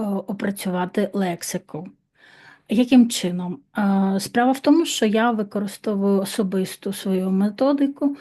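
Hesitant woman teaching, mellow voice. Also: medium pitch. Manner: hesitant, frequent fillers and restarts. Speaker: Italian language teacher. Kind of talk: online language lesson, drilling phrases.

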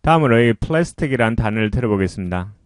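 A man's voice: medium pitch, expressive, no echo. Guy teaching english pronunciation, patient and explaining, dry close sound. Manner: patient and explanatory, often pausing with "자".

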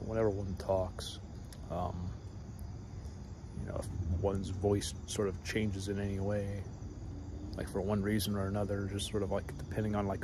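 A vlogger in his thirties rambles through a casual monologue in a low, fairly deep voice, hesitant and halting, full of fillers and trailing thoughts. Loud crickets and other night insects chirp behind him.

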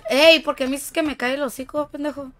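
There's a little hiss or hum behind this woman, who speaks a little fast in fairly even intonation with a Mexican accent. Her voice sits high as she streams a shooter game and fills the casual chat with playful, teasing boasts.

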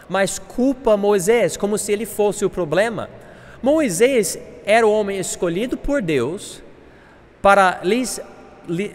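A man preaching a sermon as pastor, earnest and swelling louder for emphasis. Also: high voice, long reverb tail.

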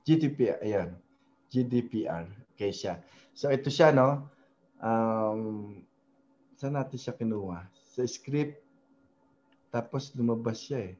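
A man's voice: mid-range voice, expressive, slow pace, long pauses, darkish tone, muffled recording, slight background noise. A man hosting a casual web design tutorial, talking hesitantly with many fillers and tag questions. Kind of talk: casual screen-share tutorial in mixed Tagalog and English.

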